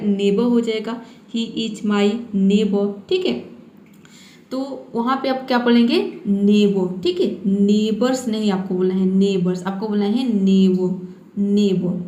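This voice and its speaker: A woman's voice: a little high, darkish tone, roomy sound. A woman teaching English to beginners in Hindi, patiently repeating words and asking and answering her own questions. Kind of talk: Hindi-language English lesson.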